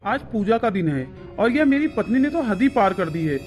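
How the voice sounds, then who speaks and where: A woman's voice: mid-range voice, big pitch swings, normal speed, darkish tone, soft background music, natural voice. A woman voicing an irritated young husband in a cartoon who complains a lot. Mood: grumbling. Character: young husband, easily swayed. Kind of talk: cartoon voice acting.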